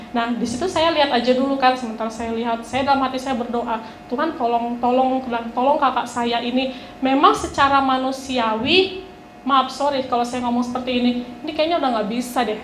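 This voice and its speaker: A woman recounts a personal testimony during a church service, telling it in a conversational way and quoting others as she goes. Her voice sits fairly high. The sound carries the echo of a large church hall with faint ambience behind it. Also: slight background noise. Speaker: church speaker giving a testimony.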